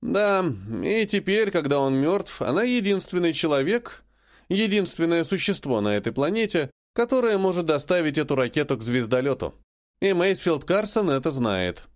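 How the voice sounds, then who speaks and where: A man voicing a stern alien rebel leader who speaks in a cold, grim, measured way. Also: fairly high pitch, sing-song.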